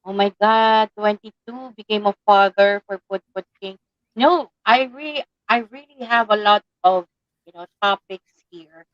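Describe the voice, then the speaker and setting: A woman's voice: medium pitch, a little slow, no echo, dull audio. A woman from the Philippines with a Filipino accent hosting a casual chat, searching for her English words and slipping into Tagalog. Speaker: live-stream host.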